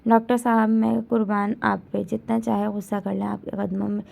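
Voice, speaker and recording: Woman voicing a gentle pious young woman. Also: medium pitch, flat delivery, a little fast, creaky. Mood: soft.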